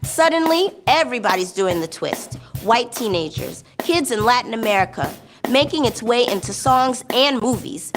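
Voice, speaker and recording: A woman narrating a documentary with a measured, rhythmic delivery. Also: a little high, expressive, over music.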